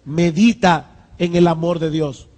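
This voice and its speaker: A male pastor delivers a sermon with a high, bright voice, repeating his points for emphasis and pressing them home with rising fervor. His words ring out with a long reverb from the church hall around him. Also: fairly even intonation, measured pace. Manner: emphatic preaching with repeated lines and rising exhortations.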